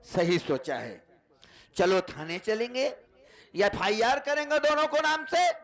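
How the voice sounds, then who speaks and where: A man's voice: very high-pitched, expressive, a little slow, a bit bright, exaggerated voice. A man playing a betrayed, vengeful husband in a folk stage play, declaiming to the audience. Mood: consoling.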